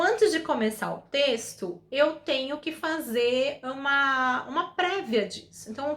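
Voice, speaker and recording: A woman's voice: sits high, fairly bright tone. A young woman speaking patiently to parents about reading with children, often asking questions and then answering them herself. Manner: patient, asks rhetorical questions. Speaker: reading educator. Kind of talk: explanatory talk to parents.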